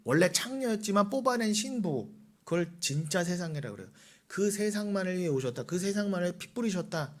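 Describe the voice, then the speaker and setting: A middle-aged male pastor preaching a sermon, scolding the congregation and firing rhetorical questions at them. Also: fairly high pitch.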